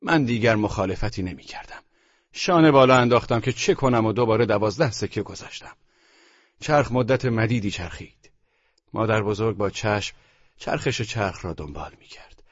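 A man narrating an audiobook novel in an expressive, storytelling way. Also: fairly low pitch, slightly rough, no room sound. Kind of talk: scripted narration. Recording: dull, dry studio recording.

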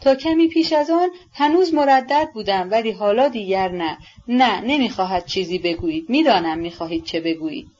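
A woman's voice: medium pitch, darkish tone, lightly acted. A woman voicing a proud, defensive young man who scoffs and mutters, in a storybook reading on a dull, lo-fi recording.

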